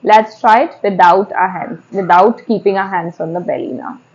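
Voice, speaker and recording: A woman's voice: medium pitch, normal speed, a little mellow, muffled recording. A woman with an Indian accent giving spoken yoga instruction step by step, repeating and rephrasing key points as she goes.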